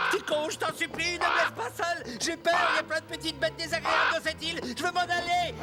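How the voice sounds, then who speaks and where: A nervous cartoon cat who jumps from yelps to grumbling. The voice sits high and swoops widely. Bright music plays behind him. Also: male voice, sing-song, normal speed. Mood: frightened. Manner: fretful and easily frightened, scolding when upset. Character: fussy, timid male cat sidekick. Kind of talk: cartoon dubbing.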